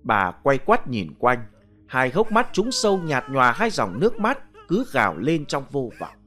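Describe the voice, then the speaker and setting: A man narrating a ghost story in a dramatic, measured, atmospheric way. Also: medium pitch, wildly swooping pitch, sharp tone.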